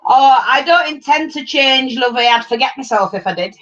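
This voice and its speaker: A middle-aged woman with an English accent chatting casually and telling anecdotes in a blunt, animated way on a livestream. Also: sits high, moderate pace. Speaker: livestream host. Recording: dull lo-fi livestream audio.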